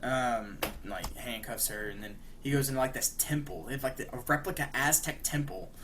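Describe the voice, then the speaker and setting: A man's voice: mid-range voice, fairly quick, a bit bright, slight background noise. A young man co-hosting a podcast, casually retelling a cartoon episode in a rambling way, full of fillers and "like". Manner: rambling, many fillers and 'like'. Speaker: podcast co-host.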